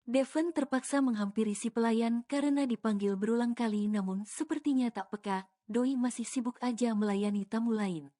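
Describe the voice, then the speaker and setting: A woman narrating a romance audio novel in an even storytelling way, with casual colloquial asides. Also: fairly high pitch, normal speed.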